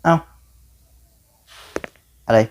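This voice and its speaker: A young man giving jumpy, excitable commentary on a horror game, often repeating words when startled. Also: extremely slow, a little hiss or hum. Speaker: gaming YouTuber.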